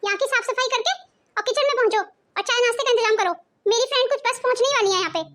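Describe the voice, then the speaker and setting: A woman's voice: very fast, a bit bright. A woman acting a haughty young wife who scorns her in-laws, snapping out insults in a home-video family drama. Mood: contemptuous. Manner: sneering and shrill, snapping out insults. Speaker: actor in a family drama skit.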